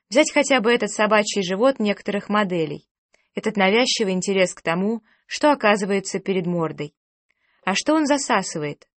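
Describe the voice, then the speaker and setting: A woman reads an audiobook in a measured, steady way, her voice sitting at a middle pitch. She is close to the microphone, and the sound is dry, with no room echo. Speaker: audiobook narrator. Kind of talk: audiobook narration.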